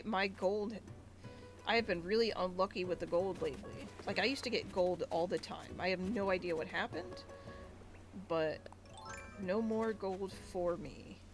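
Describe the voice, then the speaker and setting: A woman streaming a game, chatting casually and ranting in a rambling way with lots of filler words. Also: on the low side. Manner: rambling, ranty, many filler likes. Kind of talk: casual gaming livestream commentary.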